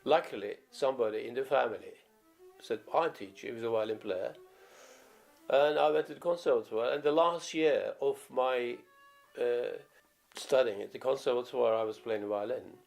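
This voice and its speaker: An older man with a Turkish accent and a gravelly, creaky voice reminisces at an everyday pitch. He rambles through his stories in a documentary interview, full of fillers and restarts. Faint music plays softly behind him. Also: normal speed. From Turkey. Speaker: professional viola player.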